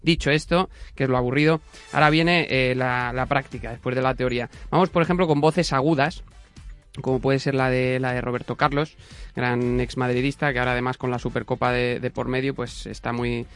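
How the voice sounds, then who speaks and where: A man's voice: mid-range voice, fairly even intonation, a little fast, faint music behind. A man, an impressionist explaining his voice tricks in casual radio chat. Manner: eager, explanatory, restarts often. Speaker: comedian and impressionist.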